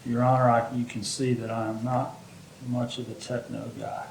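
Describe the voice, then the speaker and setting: A man as a flat-voiced defense attorney on a courtroom recording. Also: mid-range voice, moderate pace, creaky. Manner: plain-spoken, a bit self-deprecating, hesitant fillers. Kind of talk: courtroom examination of a witness. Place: large courtroom. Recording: echoey courtroom audio from a distance, faint noise.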